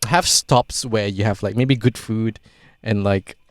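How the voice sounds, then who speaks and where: A man's voice: fairly low pitch, steady tone, unhurried, no room sound, studio quality. A man, hosting a casual podcast chat and rambling with lots of "like" and some swearing. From Singapore. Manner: rambling, swears freely, frequent "like". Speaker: podcast host.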